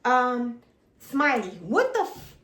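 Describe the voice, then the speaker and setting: A woman's voice: sits high, sing-song, takes it slowly, fairly bright tone, reverberant. A young woman, ranting bluntly and profanely as she reacts to a reality TV show. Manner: blunt, profane, exasperated, repeats herself. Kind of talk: casual ranting commentary.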